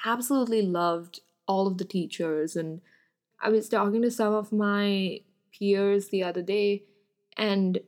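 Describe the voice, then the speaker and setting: A young woman from India, a guest and acting student chatting casually in an expressive, talkative way with quick laughs. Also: medium pitch. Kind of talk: casual podcast chat.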